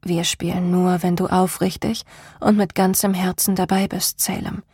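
A woman voicing a seductive, caring female lover in whispered role-play, murmuring low. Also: little pitch movement, normal speed, dark tone, husky, no echo, studio quality. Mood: firm caring.

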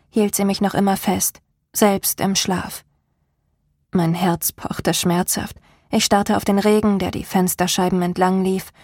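A woman narrating a novel in the first person, with calm, even storytelling. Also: mid-range voice, no echo, clean studio sound. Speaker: audiobook narrator.

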